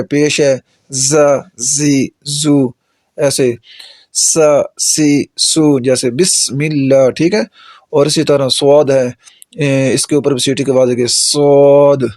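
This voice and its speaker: A man's voice: a little high, darkish tone, no echo, studio quality. A man teaching Quran pronunciation, patiently drawing out and repeating each letter for his students to practise. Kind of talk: tajweed lesson.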